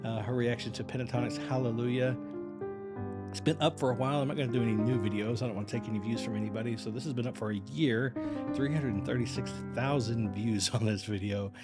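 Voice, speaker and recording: A man with a mid-pitched voice talks casually to viewers as the host of a reaction livestream. He rambles in a halting, conversational way, and music can play behind him. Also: fairly even intonation. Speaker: live-streaming reaction channel host. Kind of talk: casual unscripted livestream chat.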